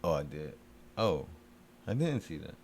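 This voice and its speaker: A man's voice: extremely low pitch, sing-song, measured pace, darkish tone, slight background noise. A young man co-hosting a podcast, chatting casually and laughing, often repeating himself as he finds his words. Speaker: podcast co-host. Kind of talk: casual chat.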